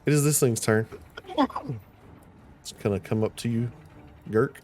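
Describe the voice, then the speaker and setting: A man's voice: medium pitch, unhurried, darkish tone. A young man running an online tabletop game as game master, joking and swearing casually.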